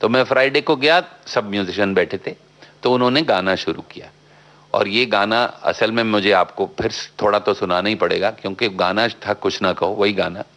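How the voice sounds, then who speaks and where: Low gravelly talkative filmmaker, a man. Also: moderate pace. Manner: animated storyteller, mixes English phrases into Hindi; talkative and outspoken. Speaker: filmmaker guest. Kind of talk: radio interview anecdote.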